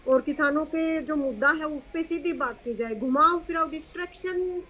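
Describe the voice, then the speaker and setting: Indignant woman, high voice. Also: moderate pace, bright, forceful tone, low-quality recording. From Haryana, India. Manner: indignant, emphatic critique. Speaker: interview guest. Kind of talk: remote interview over a call.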